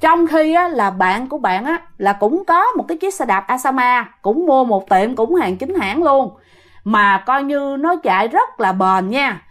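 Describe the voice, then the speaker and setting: Young woman with a high voice, chatty ghost story telling, acts out the girls' lines. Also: animated, measured pace, fairly bright tone. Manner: chatty, retells a listener's story with acted quotes of the girls. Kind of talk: casual spoken storytelling.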